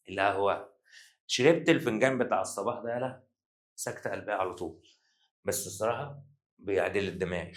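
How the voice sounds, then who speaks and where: A young man with an Egyptian accent teaching an exam-prep lesson, joking and teasing his students in rapid colloquial banter. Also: lowish voice, fairly bright tone. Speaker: Arabic teacher. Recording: echoey room.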